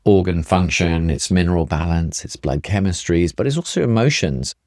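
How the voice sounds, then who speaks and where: A middle-aged or older man, a guest functional medicine doctor, explains things conversationally in a low, slightly mellow voice with lively intonation at normal speed. He's emphatic and repeats points for stress, recorded dry with studio quality.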